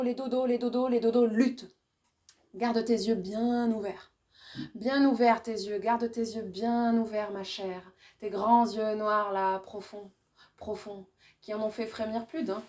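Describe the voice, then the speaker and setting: A poet, a woman, giving a live reading of her poetry in a rhythmic, repetitive way, her voice swinging from loud bursts to hushed lines. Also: fairly high pitch. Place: small indoor venue.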